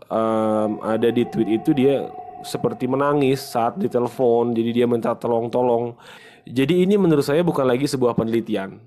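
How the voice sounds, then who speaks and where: A man hosting a casual channel, retelling an online story in a chatty way with frequent pauses and fillers. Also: mid-range voice, a little mellow, slight background noise. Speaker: host.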